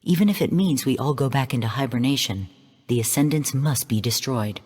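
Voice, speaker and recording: This scripted game narration features a stern female AI in a full character voice, low, a little husky and darkish, with lively intonation. Heard through long hall reverb over soft background music, she gives formal, analytical briefings in measured, composed phrases.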